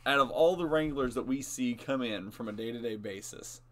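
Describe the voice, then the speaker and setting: A man's voice: mid-range voice, fairly quick, fairly bright tone. A man co-hosting a casual live stream, adding easygoing remarks and short agreeing replies. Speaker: co-host.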